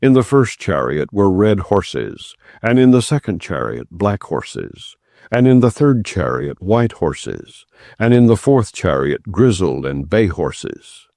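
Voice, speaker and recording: In a clean, echo-free studio recording, a man narrates scripture solemnly and without dramatization, his measured phrasing broken by pauses between clauses. His low, slightly mellow voice carries vocal fry and swings widely in pitch.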